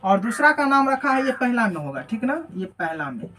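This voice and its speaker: A woman with a slightly high voice teaches a class at a board. She drills each point by repeating it and asks questions that she answers herself. She keeps checking that the students are following. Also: very animated, normal speed, a bit bright, faint music behind. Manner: often adds a checking "right?" tag. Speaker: English teacher. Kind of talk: classroom lesson explaining phonetics.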